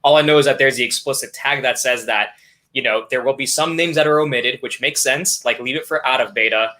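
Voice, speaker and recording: This is casual live stream chat from a guest streamer, a young man from South Florida. He sounds easygoing and upbeat and leans heavily on fillers, with a mid-range voice that moves fairly quickly and comes across pushed and bright.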